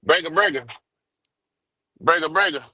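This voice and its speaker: A man's voice: on the high side, unhurried, bright, forceful tone, no echo. Man calling out over a walkie-talkie. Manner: joking, slangy, profane. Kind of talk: casual livestream chat.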